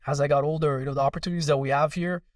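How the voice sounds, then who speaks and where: A man's voice: on the high side, steady tone, rapid-fire, dry recording, clean studio sound, far from the mic. A young adult man from Iran, a podcast guest telling his story in casual, earnest conversation with many fillers.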